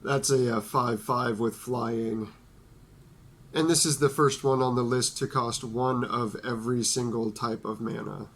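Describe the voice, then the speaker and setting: A man's voice: mid-range voice, fairly even intonation, a little slow, a bit bright. A young man with a stuffy, blocked nose from allergies, casually hosting a card review with playful asides. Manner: playful, jokey asides to an imagined listener. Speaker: Magic card video host.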